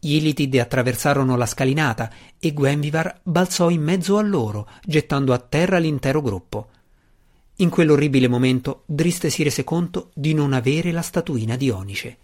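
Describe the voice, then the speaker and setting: A man reading a fantasy novel aloud as an audiobook narrator, in a steady, measured way. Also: on the high side.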